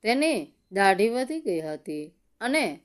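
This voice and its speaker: A woman narrating a dramatic family story in a slow, expressive storytelling manner. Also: medium pitch.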